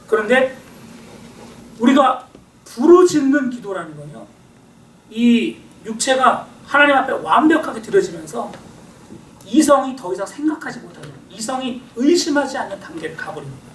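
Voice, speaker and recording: A middle-aged male pastor giving a sermon lecture in a church hall, acting out inner voices and swinging between loud and quiet. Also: very high voice, sing-song, normal speed. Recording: echoey hall, voice from far off, faint hiss.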